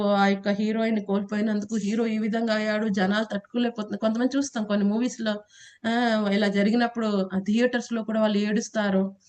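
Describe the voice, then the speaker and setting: A woman's voice: medium pitch, a little mellow. A woman teaching a devotional scripture class in a conversational way, asking her listeners questions and acting out little quotes. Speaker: Gita teacher.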